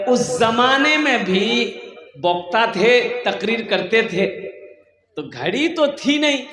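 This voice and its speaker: Brief: high-pitched Kolkata preacher, playful and joking, booming hall reverb. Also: male voice, fairly bright tone. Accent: Kolkata Hindi. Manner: playful, quizzes the audience. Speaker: Islamic preacher. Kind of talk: humorous sermon. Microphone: public address mic. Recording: echoey hall, long reverb.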